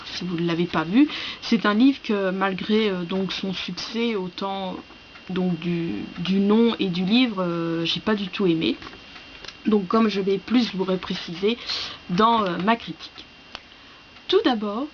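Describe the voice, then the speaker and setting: A woman book vlogger talks casually, stumbling over fillers and restarts as she reads from her notes. Her pitch sits in the middle. The recording is dull and lo-fi, with a faint hiss behind her. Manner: hesitant, many fillers, reads parts from notes.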